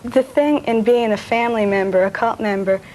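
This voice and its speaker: A woman speaking haltingly about her experience, searching for words. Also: fairly high pitch, mellow, poor audio. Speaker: interviewee. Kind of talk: personal account.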